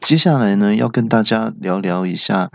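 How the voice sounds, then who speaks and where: A man from Taiwan, hosting a comedy podcast and telling self-mocking stories in a deadpan way. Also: fairly low pitch, moderate pace, vocal fry, dry recording, highs cut off. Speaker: podcast host. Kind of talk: comedy monologue.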